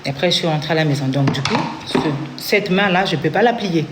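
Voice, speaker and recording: A woman's voice: fairly low pitch, lively intonation, fairly quick, very noisy. A woman from Congo with a Congolese French accent, telling her own story in an earnest testimony and acting out what others said. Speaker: interviewee giving a testimony. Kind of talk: personal testimony.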